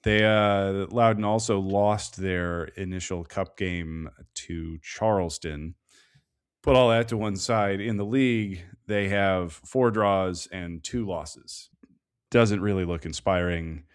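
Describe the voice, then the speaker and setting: A man co-hosting a casual sports podcast, talking through soccer analysis in a measured way, thinking aloud with plenty of fillers. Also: sits low, clean tone. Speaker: podcast co-host.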